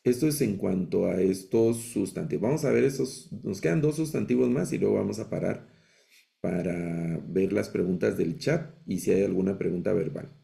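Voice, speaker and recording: Man, gravelly, mellow, unhurried teacher, repeats each word, online class. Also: low-pitched. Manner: patient, repeats words slowly for learners. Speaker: biblical Hebrew teacher. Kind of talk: live online class lecture.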